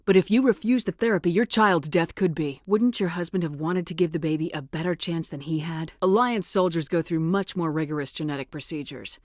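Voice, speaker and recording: A woman's voice: fairly low pitch, brisk, few pauses, darkish tone, no echo, studio quality, natural voice. A woman playing a resolute, no-nonsense military space commander in video game dialogue, with a direct, authoritative and controlled delivery. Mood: earnest, persuasive.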